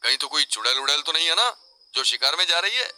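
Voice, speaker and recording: A man's voice: a little high, expressive, quick pace, sharp tone, faint music behind. A man voicing a young male friend who teases jokingly. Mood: teasing. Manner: joking, teasing.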